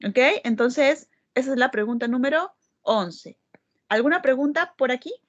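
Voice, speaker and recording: Brief: woman lecturer, highish voice, patient explainer, dull lo-fi recording. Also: lively intonation, moderate pace. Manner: explanatory, asks frequent tag questions. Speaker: medical lecturer. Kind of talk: classroom lecture.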